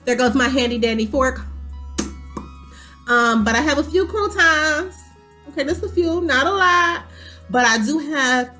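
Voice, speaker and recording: A woman in her thirties chatting casually to camera as a vlogger, animated and full of ums. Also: fairly high pitch. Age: 30s.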